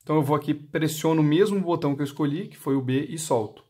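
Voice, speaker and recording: Talking fast in a darkish voice on the high side, a Brazilian-accented man walks through a product demo for a motorcycle intercom seller, explaining each step by asking and answering his own questions.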